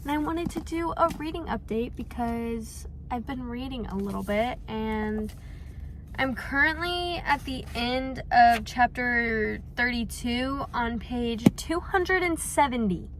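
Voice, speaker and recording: A woman's voice: on the high side, lively intonation, slow pace, slight background noise, rough recording. A young woman in her twenties giving chatty, gushing reading updates in a casual vlog. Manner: gushing, chatty, lots of fillers. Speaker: book vlogger.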